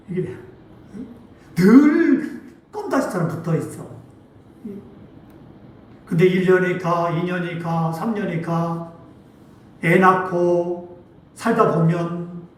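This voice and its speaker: A male pastor preaching a sermon in a church, pressing points with rhetorical questions and sudden bursts of loudness. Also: high voice. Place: church sanctuary. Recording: very echoey hall, voice from far off.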